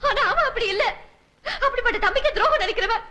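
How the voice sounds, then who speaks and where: An actress playing a young wife who laughs through tears and accuses sharply, in a film scene. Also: female voice, very high-pitched, fast, bright, forceful tone, slight background noise. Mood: bitter pleading. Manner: sobbing while laughing, accusing. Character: young wife, tearful and fierce.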